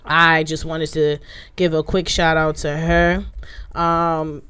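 A woman with a notably low, smooth and clear voice hosts a casual podcast chat. She is a little under the weather, so her delivery is somewhat flat and monotone. She talks loosely and fills gaps with plenty of ums. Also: takes it slowly. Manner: loose, chatty delivery with many fillers. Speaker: podcast host.

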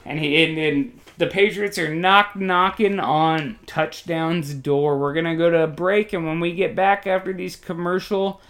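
A man doing joking, excitable, folksy play-by-play commentary on a football video game. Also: on the high side, measured pace, hardly any pauses. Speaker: play-by-play announcer.

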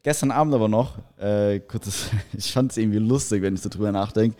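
A man's voice: lowish voice, a little fast, mellow. A young man co-hosting a podcast, rambling in slangy casual chat and laughing often. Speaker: podcast co-host.

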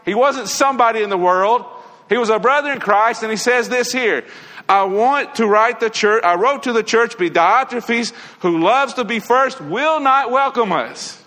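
Speaking at a moderate pace, this high-voiced male preacher from Tennessee sounds pushed and bright as his words ring through a reverberant hall. He gives an earnest, conversational morning sermon, addressing the congregation directly with occasional prayerful asides.

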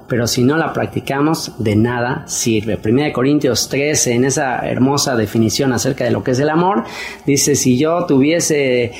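A preacher with a gravelly voice at normal speed gives a casual sermon to wives, speaking conversationally with lots of fillers and repeated words. When quoting wives, he acts them out in a higher voice.

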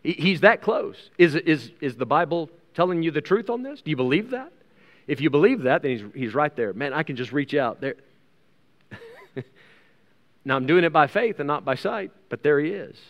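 Here the preacher's voice sits a little high and sing-song, at normal speed. This American man reads scripture and speaks conversationally to his congregation, tossing in asides and rhetorical questions, while long hall reverb fills the big room.

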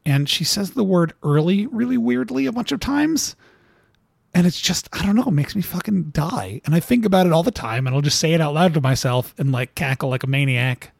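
A man's voice: on the high side, expressive, fairly quick, creaky, dry recording, studio quality. A man talking casually as an interview guest, rambling with lots of fillers and laughing at his own stories. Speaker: cartoonist guest.

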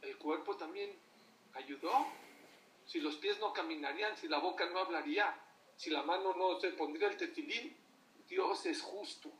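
Religious teacher, high voice, animated storyteller; echoey room, far from the mic. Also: male voice, normal speed, a little hiss or hum. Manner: animated storytelling, asks the audience questions. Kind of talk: sermon.

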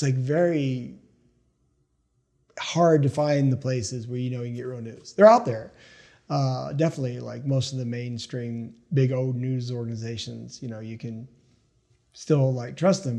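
A middle-aged filmmaker from East Tennessee chats in a casual interview, rambling with many fillers and restarts. His mid-range voice is dark with vocal fry.

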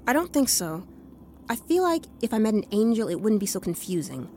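A woman's voice: mid-range voice, fairly quick, slight background noise, lightly acted. An actress playing an earnest young woman who can sense demons, in an audio drama. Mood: weary. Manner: earnest, lively and emotional.

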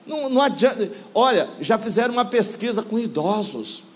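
A man's voice: high-pitched, sing-song, a little fast. A man in his sixties preaching in a conversational, playful way, often asking the congregation questions. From Brazil. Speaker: guest preacher. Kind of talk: sermon.

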